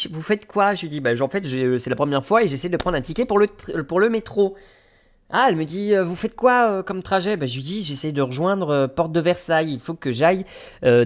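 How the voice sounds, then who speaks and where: Streamer, male, chatty storyteller, pitch swings widely, mimics others in a raised voice. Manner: animated, acts out quoted people with jumps in pitch. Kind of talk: casual storytelling to stream chat.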